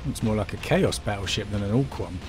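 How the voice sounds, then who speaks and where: A man's voice: lowish voice, fairly quick, over music. A man giving casual gameplay commentary as he plays. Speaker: let's player commenting on a game.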